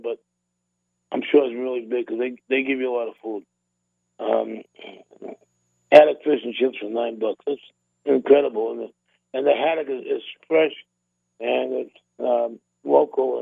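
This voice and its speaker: Gravelly-voiced radio host from Boston. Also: male voice, mid-range voice, no echo. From Boston area. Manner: rambling, repeats words and restarts. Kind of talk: casual radio talk. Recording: narrow phone-like radio sound, dry.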